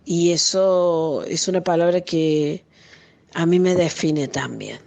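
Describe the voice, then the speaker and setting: An Argentine woman in her late fifties, an artisan and translator, reflecting thoughtfully on words in an interview, often pausing and restarting as she searches for the right phrasing. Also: lowish voice, creaky, mellow. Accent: Argentine Spanish. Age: 50s.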